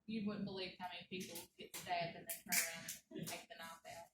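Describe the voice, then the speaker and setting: A woman's voice: fairly low pitch, level tone, quick pace. Woman lecturing in a classroom. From Kentucky. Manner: folksy, chatty, stops for war stories. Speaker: nursing instructor. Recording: roomy classroom, mic far off, noisy.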